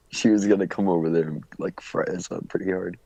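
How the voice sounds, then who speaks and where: A young man with a very low voice adding details to a shared story, full of casual fillers. His sound is dry and close, with no room around it. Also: steady tone, moderate pace, a little mellow, dry recording, poor audio. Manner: chiming in, filler-heavy, adds details. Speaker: storytelling show co-host.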